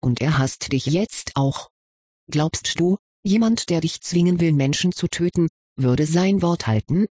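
A reader voicing a gentle, caring young witch. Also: mid-range voice, animated, a little slow, husky, no room sound, clean studio sound. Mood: soothing. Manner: soft, soothing. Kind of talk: audiobook reading of a story.

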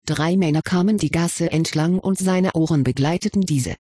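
A storybook reader with a husky, middle-pitched voice, narrating in a steady, even way. The sound is dry and close, with no room around it. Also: normal speed, dry recording. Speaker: audiobook reader.

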